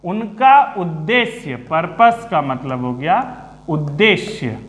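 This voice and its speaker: A man teaching a literature class, speaking slowly and calmly, repeating and spelling out words for his students. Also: fairly high pitch. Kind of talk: Hindi-English literature lesson. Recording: echoey room.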